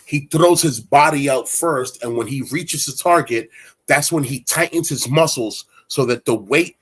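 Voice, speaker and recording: A man's voice: medium pitch, unhurried, husky. A man in his forties hosting a casual chat, talking in a rambling, candid, streetwise way. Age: 40s. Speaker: host.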